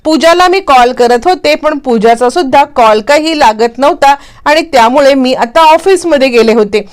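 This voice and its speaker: A woman's voice: high voice, normal speed, natural voice. Woman doing a contrary, touchy young wife. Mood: defensive. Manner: contrary, defensive retorts.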